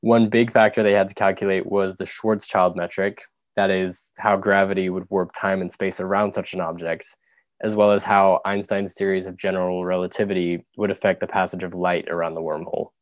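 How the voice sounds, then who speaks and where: A man's voice: low voice, level tone, dry recording, close to an everyday voice. A man playing a scholar guest who explains the science in a scripted sketch. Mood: explaining. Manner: explanatory, measured.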